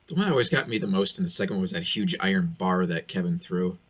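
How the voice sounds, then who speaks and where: A man with a husky voice co-hosting a casual film commentary podcast, enthusiastic and quick to laugh. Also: sits low, a bit bright. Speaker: podcast co-host.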